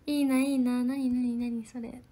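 A young woman, an idol trainee, chatting politely on a livestream and answering viewer comments, often dropping into soft whispered asides. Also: a little high, little pitch movement, moderate pace.

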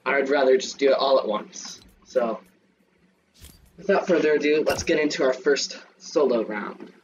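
A man's voice: mid-range voice, moderate pace, muffled recording, noisy background. A man hosting a gaming channel, chatting casually over his gameplay with lots of ums and likes. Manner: rambling, many fillers. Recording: distant mic with faint game music.

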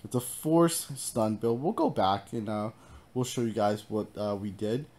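A man's voice: on the low side, unhurried, darkish tone. A man hosting a gaming channel, giving casual, upbeat gameplay commentary and encouraging viewers with a loose, filler-heavy way of talking.

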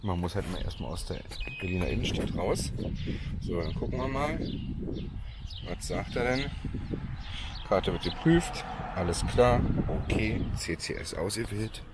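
A man's voice: fairly low pitch, lively intonation, a little slow, pauses often. A man in his thirties casually vlogging outdoors at a car park charging station, filming himself with a phone held at arm's length and chattily explaining what he sees. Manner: chatty, explaining while walking around outdoors. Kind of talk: casual vlog narration. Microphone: phone camera at arm's length. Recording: loud outdoor background noise.

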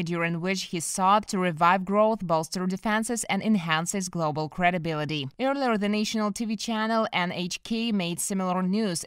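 A woman presenter reading scripted economic news headlines in an even, measured newsreader delivery, recorded as a voice-over. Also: fairly low pitch, clean tone, no room sound, studio quality.

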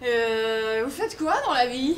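An actress on a theatre stage playing a blunt, quick-tempered woman traveller with crude speech. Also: fairly high pitch, slight background noise. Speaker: amateur stage actor. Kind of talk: amateur stage play.

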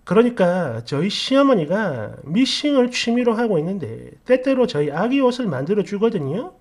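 High, animated male story narrator. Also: moderate pace. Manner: blunt, sarcastic commentary. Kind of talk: story reading with commentary.

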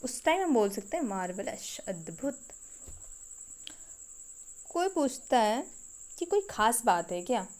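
A woman with an Indian accent teaching English vocabulary, explaining each phrase slowly and repeating it with pauses. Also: a little high, very animated, darkish tone. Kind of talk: spoken English vocabulary lesson.

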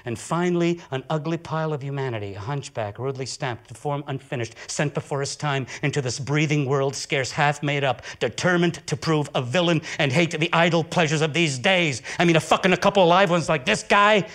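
A man performing an intense, profane theatrical monologue with dramatic swings of pitch and volume. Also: a little fast, few pauses, fairly bright tone. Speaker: solo stage performer.

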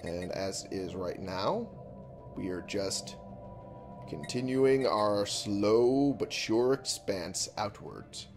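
A man giving casual, informal gameplay commentary as a host, thinking out loud, reading on-screen text and swearing freely. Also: lowish voice, takes it slowly, music in the background. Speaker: video game let's-play host.

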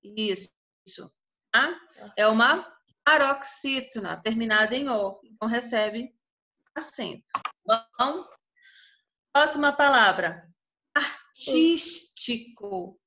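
Slow, bright-voiced Brazilian woman teaching. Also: a little high. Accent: Brazilian Portuguese. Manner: drawn-out syllables, frequent check-ins with the class. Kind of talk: online grammar lesson.

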